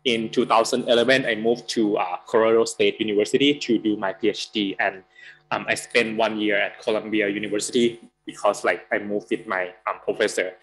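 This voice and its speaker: A man in his thirties from Thailand, with a Thai accent, giving a university guest lecture over a video call, halting and full of fillers. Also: on the low side, steady tone, fairly bright tone, rough recording. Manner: halting, many fillers and restarts. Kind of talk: academic lecture.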